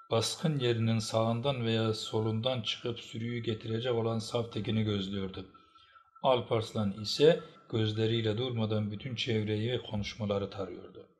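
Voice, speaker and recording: A man reading a historical novel aloud in a steady, measured narration. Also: fairly low pitch. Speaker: audiobook reader.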